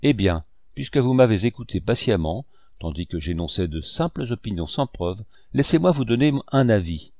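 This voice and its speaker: A man's voice: on the low side, very animated, moderate pace, darkish tone, dry recording, clean studio sound. A man reading an audiobook, voicing a blunt male ship captain who speaks formally and firmly. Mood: stern. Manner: formal, firm, clipped.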